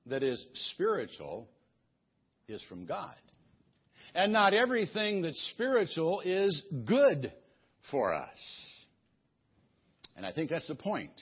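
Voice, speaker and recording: A man preaching an expository sermon as a pastor in a careful, unhurried way, phrasing deliberately with pauses, on a dull lo-fi recording. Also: sits high, slightly rough. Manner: careful, unhurried, step-by-step delivery.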